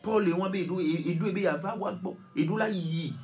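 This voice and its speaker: A man's voice: sits high, fairly quick, darkish tone, faint music behind. A Togolese man, an evangelist, leading a fervent prayer sermon and chanting repeated phrases while urging listeners to pray. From Togo.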